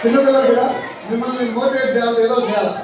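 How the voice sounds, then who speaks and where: A man with a very high voice and a leads schoolchildren through a quick call-and-response game. He sounds distant and very echoey. A crowd of children and steady noise sit behind him. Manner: animated, calls out commands for a game. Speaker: psychologist. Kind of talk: motivational session with schoolchildren. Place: school gathering.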